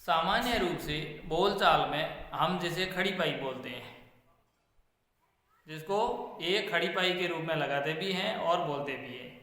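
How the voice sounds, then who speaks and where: A man's voice: on the high side, pushed and bright. Echoey Hindi grammar teacher, man. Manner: slow, repetitive, stresses example sentences. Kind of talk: grammar lesson explanation. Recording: very echoey room with long reverb.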